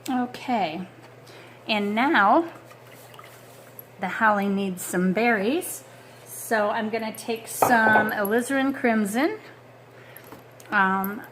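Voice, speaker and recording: A woman's voice: medium pitch, fairly bright tone. Woman talking thru a watercolor lesson, chatty, lots of ums, close mic, faint stove hum behind. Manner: chatty, thinking aloud with many fillers. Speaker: art instructor. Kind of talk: casual painting tutorial. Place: home studio with a wood stove.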